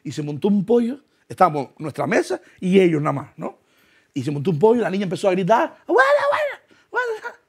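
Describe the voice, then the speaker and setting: A man's voice: high-pitched, fast talker, gravelly, husky. A young man tells a comic story, acting out voices and laughing as he goes. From Canary Islands. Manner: animated, acts out voices, laughs through lines. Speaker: comedian.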